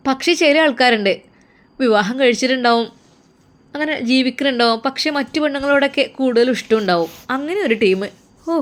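A woman's voice: fairly high pitch, natural voice. Woman playing a coaxing, meddling aunt. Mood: persuasive. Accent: Malabar Malayalam. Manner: coaxing, persuasive, scolding. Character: coaxing middle-aged aunt, firm and meddling. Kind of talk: storytelling role voice.

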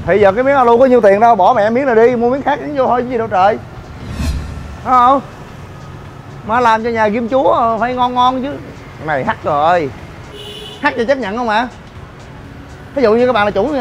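A man's voice: high voice, slight background noise. A man ranting to viewers while inspecting shoddy building work, scolding and exasperated. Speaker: gym owner and vlogger. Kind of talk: ranting vlog walk-through.

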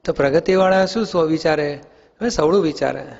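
A man's voice: fairly high pitch, fairly quick, creaky, a little mellow. A man, a spiritual teacher, leading a question-and-answer talk with young people, patiently questioning them and using everyday examples. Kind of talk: question-and-answer discourse for youth. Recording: dull sound in an echoey hall.

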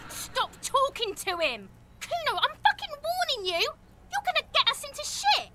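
A woman's voice: extremely high pitch, very animated, measured pace, pushed and bright, a little hiss or hum, exaggerated voice. A woman voicing a feral, menacing street girl in a video game who shrieks frantic threats. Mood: shrieking.

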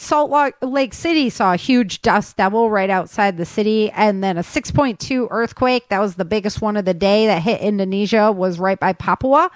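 Hosting an informal news roundup podcast, an American woman talks straight to her audience in a chatty way, adding her own opinions as she goes. She has a mid-range voice, and the audio has no echo.

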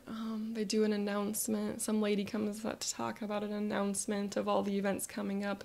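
A woman narrating a guided visualization in a soft, reflective way that often drops to a whisper. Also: medium pitch, creaky.

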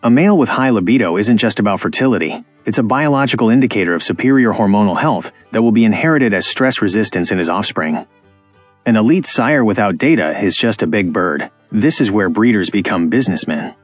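Male narrator, lowish husky voice, firm instructive read. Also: animated, no echo. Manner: emphatic, instructive, deliberate. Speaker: farming channel narrator. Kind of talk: scripted voice-over narration. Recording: dry close voice-over with faint music.

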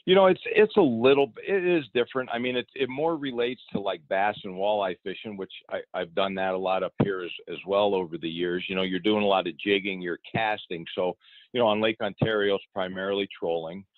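Out on the water in a boat, a middle-aged fishing guide gives relaxed interview answers in a lowish, steady voice at a slightly fast clip, repeating words and restarting sentences often. There's no room sound, though the audio is tinny and phone-like.

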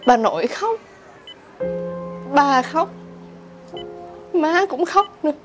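A remorseful young woman pleads tearfully. She speaks softly and with feeling. Clear drama music runs underneath. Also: high voice, animated, takes it slowly. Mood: tearful pleading. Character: remorseful young sister-in-law at a hospital bedside.

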